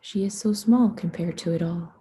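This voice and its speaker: A woman leading a guided meditation in a soft, soothing voice with long pauses, her breathy tone sometimes sinking to a whisper. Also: lowish voice. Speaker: meditation teacher.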